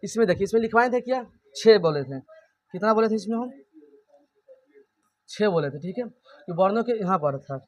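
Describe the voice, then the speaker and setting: A man's voice: high voice, animated, moderate pace, long pauses. A man teaching a grammar lesson. He keeps asking and answering his own questions and repeats every point.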